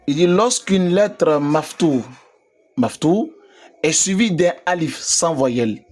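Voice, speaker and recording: Hesitant, patient Arabic alphabet teacher. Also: mid-range voice. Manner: hesitant, with frequent "euh" fillers; repeats phrases and draws out vowel sounds slowly to demonstrate. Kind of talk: step-by-step lesson explanation.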